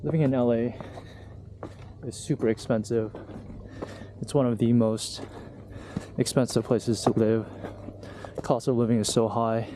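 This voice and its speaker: A young vlogger, breathing hard on an uphill trail, talks to his camera in a relaxed, candid way. His warm, medium-pitched voice keeps a fairly even intonation, moving a little slowly with long pauses. Outdoors, the recording picks up clear background noise.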